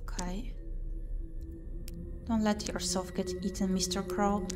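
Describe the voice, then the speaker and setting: Music plays behind a woman who is streaming a visual novel playthrough. Her medium-pitched voice moves slowly with little pitch movement as she reads the game text expressively and mutters quick asides to herself.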